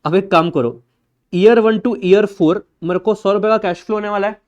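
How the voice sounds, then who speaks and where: A man's voice: high-pitched, moderate pace, darkish tone, dull audio. A man giving a classroom lecture, talking bluntly and informally, teasing his students as he works through steps. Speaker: accounting lecturer.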